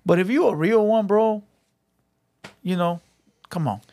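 A man's voice: high voice, measured pace, dark tone. A man hosting a casual podcast chat in street slang, swearing often and calling people bro and dog. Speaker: podcast host.

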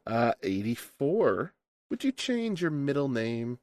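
A man's voice: medium pitch, big pitch swings, takes it slowly, a little mellow, no echo. A man hosting an interview, reading out numbered questions in a playful way. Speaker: interview host.

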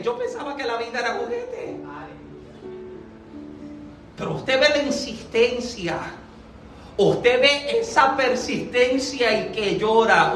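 A woman preaching a fervent sermon, building to shouted peaks. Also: a little high, echoey room.

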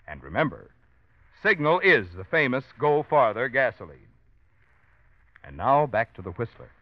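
A man's voice: mid-range voice, sing-song, normal speed. Confident old-time radio announcer, man. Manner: smooth, salesman-like, confident. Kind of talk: 1940s radio sponsor announcement. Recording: dry, dull old radio broadcast.

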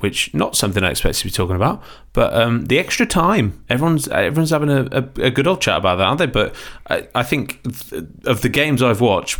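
A young man hosts a football podcast, chatting casually and turning now and then to speak to his listeners. His voice sits fairly low and his delivery is upbeat and talkative. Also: a bit bright. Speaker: podcast host. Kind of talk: casual chat.

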